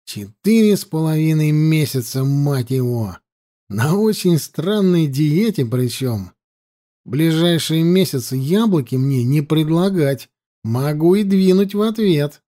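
A man reads a rough young male necromancer, blunt and wry in his jokes, his voice a touch higher than usual and warm in tone. An easygoing comrade's voice in a spoken fantasy story. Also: expressive, a little slow. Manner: blunt and joking.

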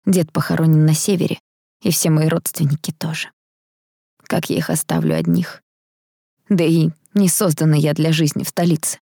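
A woman voicing an elderly grandmother who talks quietly and slowly in an audiobook. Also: deep voice, steady tone, breathy edge, no echo, clean studio sound. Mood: wistful. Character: grumbling elderly grandmother, weary and calm. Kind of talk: audiobook character voice.

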